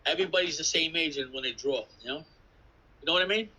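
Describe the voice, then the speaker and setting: Older new guy on a video call, husky and bright, tells loose street stories and swears a lot. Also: fairly high pitch, a little fast, rough recording. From New York City. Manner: swearing, laughing, jumps between stories. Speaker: interviewee, graffiti artist. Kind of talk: rambling casual storytelling. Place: indoors at an artist residence.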